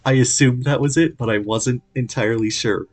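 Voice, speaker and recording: A man's voice: mid-range voice, moderate pace. A young man chatting casually while livestreaming a video game, self-deprecating and talkative. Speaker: streamer. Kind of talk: gameplay livestream commentary.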